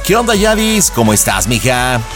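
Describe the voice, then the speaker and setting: A man's voice: medium pitch, big pitch swings, normal speed, music in the background. A man hosting a prank show, chatting casually with a caller in a teasing, playful, slangy way. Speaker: radio prank show host. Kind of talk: casual joking phone chat with caller.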